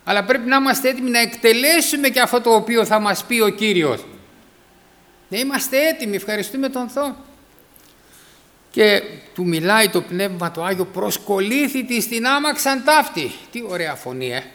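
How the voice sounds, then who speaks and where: A man's voice: sits high, a bit bright. A man preaching a sermon, emphatic, repeating key phrases and acting out the voices in his stories. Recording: echoey hall.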